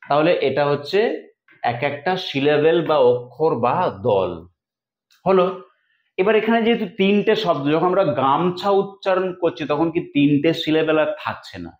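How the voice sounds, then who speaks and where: A fairly high-voiced man gives an exam-prep lecture, breaking words into syllables and repeating them slowly. The sound is dull and lo-fi, with a roomy echo around him. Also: animated. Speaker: teacher. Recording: echoey, dull lo-fi room sound.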